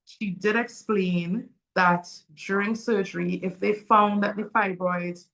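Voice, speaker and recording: A woman's voice: medium pitch, steady tone, slow pace, gravelly, fairly bright tone, poor audio. A woman in her forties from Saint Vincent and the Grenadines, telling her personal story earnestly and openly as a panel guest. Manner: earnest, open, with frequent um fillers. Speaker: guest speaker.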